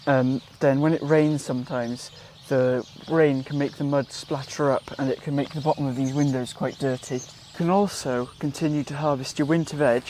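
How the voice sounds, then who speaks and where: A young man from Wales talks casually through his garden jobs, mid-pitched and unhurried. He fills gaps with ums and corrects himself as he goes. He is recorded outdoors with faint birdsong behind him. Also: a little hiss or hum. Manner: relaxed, chatty, with frequent ums and self-corrections. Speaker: gardening vlogger. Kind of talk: casual how-to vlog.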